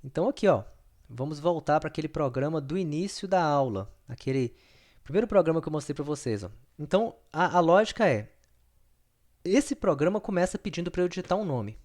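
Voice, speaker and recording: Teaching programming in a recorded screen-share lesson, a man speaks briskly in a fairly high, darkish voice with lively intonation. He is patient and repetitive, checking in often with his students.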